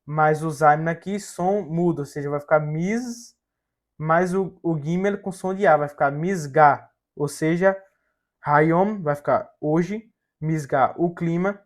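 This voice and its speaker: Male language teacher, fairly high voice, slow and methodical, sounds out syllables. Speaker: Hebrew teacher. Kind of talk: slide-based language lesson.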